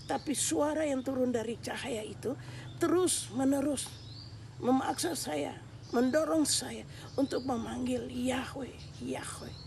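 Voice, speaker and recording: Woman telling her church testimony, earnest and getting loud and teary, noisy recording hiss behind her. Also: sits high, unhurried, vocal fry. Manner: earnest storytelling that swells to loud, tearful intensity. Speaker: believer giving a testimony. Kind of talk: spoken religious testimony.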